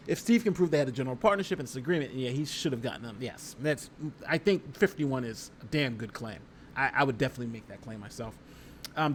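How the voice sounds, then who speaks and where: During a casual live stream, a man who comes across as a lawyer reads a document aloud and reacts with conversational, emphatic legal commentary. His voice is slightly high; he repeats phrases and talks straight to his viewers, and some background noise is audible.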